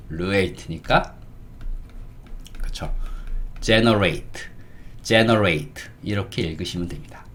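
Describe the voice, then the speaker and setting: This English teacher, a man with a low-sitting voice, delivers a relaxed spoken lesson. He talks in a slow, drawn-out way and keeps checking that the listener is following.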